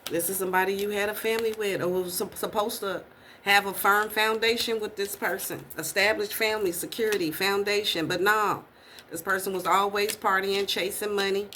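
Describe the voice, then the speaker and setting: A woman's voice: mid-range voice, steady tone, fairly quick, sharp tone, slight background noise. Blunt, profane woman tarot reader. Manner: blunt, profane, repeats rhetorical questions. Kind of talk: casual tarot reading.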